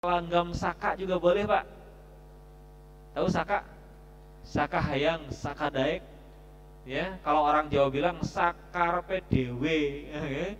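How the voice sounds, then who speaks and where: At a mosque study session, a man teaches Quran recitation, chatting and joking as he drills the audience with slow, drawn-out recitations. His voice sits a little high, and there's a slight hiss or hum in the audio.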